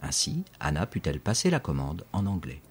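A man narrating an audiobook in a steady, clear reading voice. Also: rumbling low, fairly quick, a little hiss or hum.

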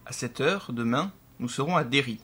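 A calm, husky grandfather. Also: mid-range voice, normal speed. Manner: calm, explanatory. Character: calm grandfather explaining history.

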